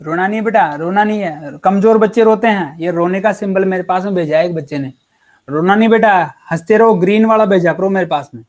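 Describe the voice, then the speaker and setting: Male teacher with a high voice, talks casually and warmly coaxes students through a live class. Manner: chatty and encouraging, calls students beta and yaar. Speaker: online chemistry teacher.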